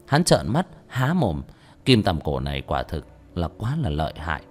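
A man narrating a fantasy novel as an audiobook, in steady storytelling that rises on action. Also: low-pitched, moderate pace, faint music behind.

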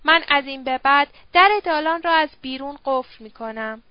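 A woman's voice: sits high, no echo, lo-fi sound, natural voice. A woman voicing a stern, guarded young man who speaks in curt, firm refusals. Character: stern young male Zoroastrian, guarded and protective.

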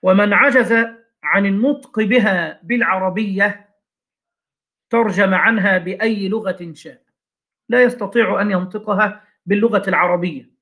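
A man's voice: high-pitched, moderate pace, pushed and bright. A man teaching a class on Islamic jurisprudence, reading lines from a text and explaining each with questions and examples.

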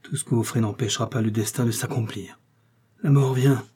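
Dying villain, feverish and gloating, shouting his triumph, read by a man; husky, storybook audiobook. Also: medium pitch, fairly even intonation, a little fast, close to an everyday voice. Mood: grim. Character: dying, vengeful male criminal, gloating and feverish.

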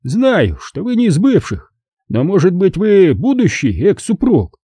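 A man voicing a bald, heavy, haughty count with a rough voice and a slight German accent, speaking lazily and condescendingly. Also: sits high, huge pitch swings, unhurried, mellow, dry recording, voice pushed up, heavily acted. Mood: mocking. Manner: lazy, condescending, teasing.

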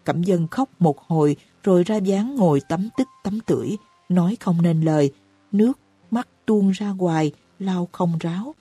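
A woman reads a novel aloud in a slow, even audiobook narration, her voice low and dark. It has a slightly husky edge. The recording is dry and close, with soft music playing faintly underneath. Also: dry recording. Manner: reads slowly and evenly, raising her voice for characters' cries.

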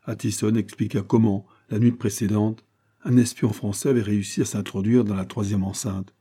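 A man's voice: fairly low pitch, moderate pace, husky. A man reading a classic novel aloud as an audiobook narrator, telling the story evenly and lifting his voice for the characters' lines. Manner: even storytelling, lifts voice for quoted speech. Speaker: audiobook reader.

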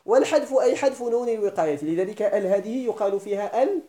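Man, Moroccan accent, grammar teacher, mellow dark voice, chants verses, asks students questions. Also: high voice, lively intonation, quick pace. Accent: Moroccan Arabic. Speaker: sheikh teaching Arabic grammar. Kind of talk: classroom lesson.

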